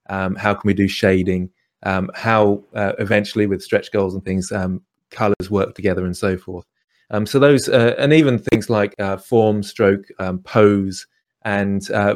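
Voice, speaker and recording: A man answering questions about his drawing course, talking in a hesitant way with many pauses and restarts. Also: lowish voice. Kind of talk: live online Q&A.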